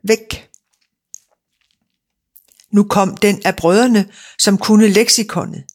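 A narrator reading a fairy tale aloud in a steady, measured storytelling manner. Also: medium pitch.

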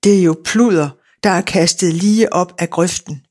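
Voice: mid-range voice, darkish tone, natural voice. A storyteller voicing haughty older brothers who mock their younger brother scornfully in a storybook reading.

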